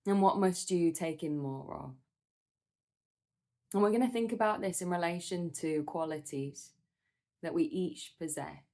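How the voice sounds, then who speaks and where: A woman leads a guided meditation gently and soothingly, pausing between measured instructions. Her voice is lowish.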